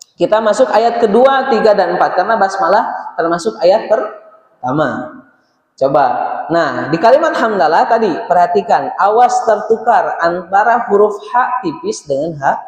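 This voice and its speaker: Slow, echoey mosque teacher, high voice. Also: male voice. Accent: Indonesian, Sundanese. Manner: patient, repeats each verse and has listeners follow. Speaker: Quran recitation teacher. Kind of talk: mosque lesson with chanted recitation. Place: mosque hall. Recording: echoey mosque hall with long reverb.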